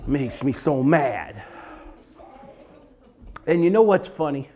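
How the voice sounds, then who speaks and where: A middle-aged man doing stand-up comedy for a church audience, animated and exaggerated, breaking into sudden shouts. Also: medium pitch, vocal fry, slight background noise. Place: church event hall before a live audience.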